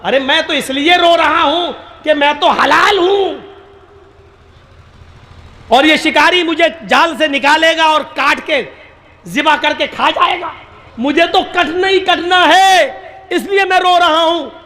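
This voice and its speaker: A man's voice: extremely high pitch, takes it slowly, pushed and bright, voice pushed up, exaggerated voice. A man voicing a trapped pigeon that whines and scolds in a raised voice. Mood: whiny. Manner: whiny, scolding. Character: panicky trapped pigeon, male.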